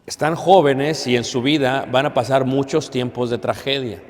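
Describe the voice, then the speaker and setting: A man preaching a sermon to a congregation, with dramatic pauses, loud emphasis and questions to the listeners. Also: mid-range voice, fairly even intonation. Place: church hall. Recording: long hall reverb.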